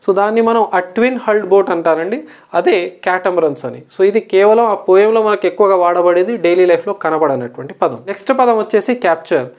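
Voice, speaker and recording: A woman with a Telugu accent, a teacher who explains English words slowly, spells them out letter by letter and keeps checking that the class follows. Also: medium pitch, animated, a little mellow. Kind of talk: recorded vocabulary lesson.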